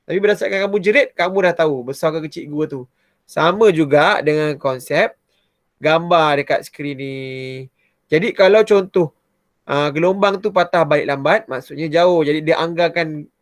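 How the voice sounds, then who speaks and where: A Malaysian Malay man teaching primary science to a class, with a high voice. He explains in a chatty, animated way and often starts a sentence with "ha". The sound is close and dry. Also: no room sound. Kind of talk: explaining a lesson to pupils.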